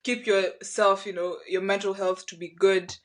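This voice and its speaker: A woman's voice: medium pitch, little pitch movement, moderate pace, low-quality recording. A young woman with a Kenyan accent chatting casually, telling stories with laughter between phrases. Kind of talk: casual chat.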